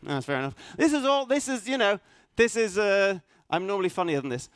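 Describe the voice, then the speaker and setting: Halting, high-voiced man giving a talk. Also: sing-song, fairly bright tone, clean tone, no room sound. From Norway. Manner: halting, many restarts and fillers, self-deprecating. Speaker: conference speaker. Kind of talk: hesitant conference talk. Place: conference hall stage.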